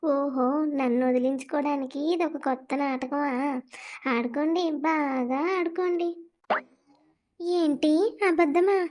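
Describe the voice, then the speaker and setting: A performer voicing a scheming young village woman in an animated drama, wailing and taunting in turn. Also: high-pitched, natural voice.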